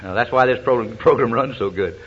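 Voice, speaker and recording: A man's voice: mid-range voice, fairly quick, husky. A man, speaking from a platform at a recovery meeting, telling his story in a folksy way with a lot of hesitations. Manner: folksy storyteller, frequent uh's. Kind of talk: personal testimony talk with jokes. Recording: dull lo-fi recording.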